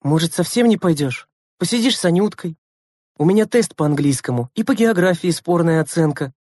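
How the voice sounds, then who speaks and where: A woman's voice: lowish voice, animated, brisk, darkish tone, no room sound, studio quality. A woman reading a storybook and voicing a stern, weary teenage older sister who scolds her siblings. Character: harried older sister, teen girl, stern and tired.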